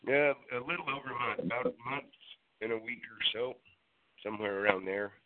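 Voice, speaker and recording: A man on a phone call whose voice keeps fading in and out, quiet and distant, worn from a recent illness, talking in a plainspoken, halting way that trails off mid-phrase. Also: medium pitch. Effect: phone voice fading in and out, dropping quiet and distant. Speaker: phone interview guest. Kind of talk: casual storytelling chat. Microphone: phone held in hand. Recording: tinny phone line with dropouts.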